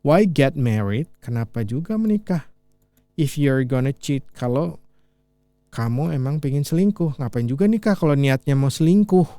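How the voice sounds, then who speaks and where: A male teacher from Indonesia giving a casual language lesson, repeating lines slowly and then explaining them in relaxed, chatty speech. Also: medium pitch, no echo. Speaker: English teacher.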